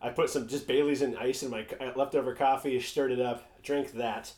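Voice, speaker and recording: A man's voice: medium pitch, a little fast, reverberant. A man co-hosting a podcast, chatting casually and rambling with lots of fillers and swearing. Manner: relaxed, rambling, swears freely, many fillers. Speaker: podcast co-host. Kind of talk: casual chat.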